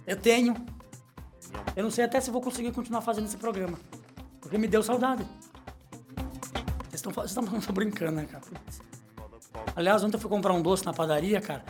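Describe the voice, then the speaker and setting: A middle-aged man hosts a comedic radio show. He jokes, rambles and reads news items aloud in a small studio, with his pitch swinging up and down as he talks. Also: fast talker, long pauses, over music. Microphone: studio microphone.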